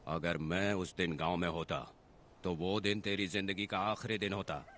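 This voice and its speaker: A hot-tempered young farmer hero barks orders and threats. His voice sits low yet cuts sharp and tense. A faint noise hangs behind him. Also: fairly even intonation, moderate pace. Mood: commanding. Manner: commanding, threatening. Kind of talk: dubbed film acting.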